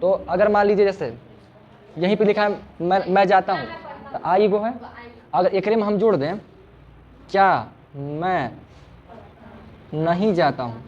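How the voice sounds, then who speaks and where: Joking tutor in a classroom. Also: male voice, sits high, a little slow, pauses often, darkish tone, lo-fi sound, slight background noise. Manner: chatty and joking, repeats words of address. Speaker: English tutor. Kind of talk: informal classroom teaching. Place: small classroom.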